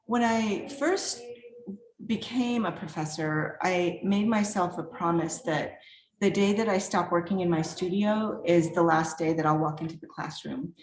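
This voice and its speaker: Speaking a little slowly in a fairly low voice, a chatty, upbeat woman from the former Czechoslovakia gives a casual self-introduction at a virtual reception, laughing often. She's a guest artist and art professor, heard in an echoey room with slight background noise.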